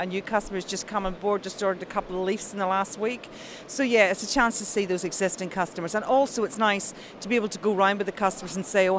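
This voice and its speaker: A woman with a Belfast accent talks up her business in a bright, polished, upbeat way. She speaks at a middling pitch, and faint noise hums behind her at an outdoor event. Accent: Northern Irish, Belfast. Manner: upbeat, enthusiastic, polished phone-style voice. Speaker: account manager, interview guest. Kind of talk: business interview at a trade show.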